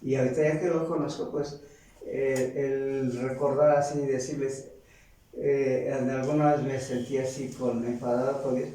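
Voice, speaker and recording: A man with a Mexican accent giving a halting, earnest personal faith testimony, often repeating words. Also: medium pitch, level tone, mellow. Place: large church hall. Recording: echoey church from far off.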